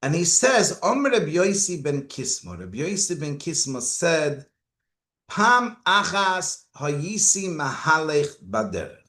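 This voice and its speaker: In a roomy space, a rabbi lectures on Torah in English, sprinkling in Hebrew and Yiddish terms and posing rhetorical questions. Hebrew isn't his first language. His voice is a little high and very animated, with a sharp tone and a measured pace.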